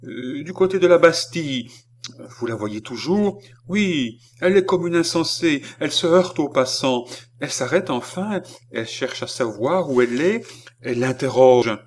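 A man's voice: animated, moderate pace. A man voicing a young woman in a trance who describes visions urgently and anxiously, in an audiobook reading. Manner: high, trembling, urgent visionary telling. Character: young woman, entranced seer, anguished.

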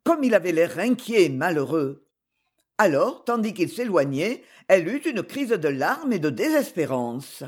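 A narrator giving an expressive, lyrical audiobook reading. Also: medium pitch, measured pace, slightly rough.

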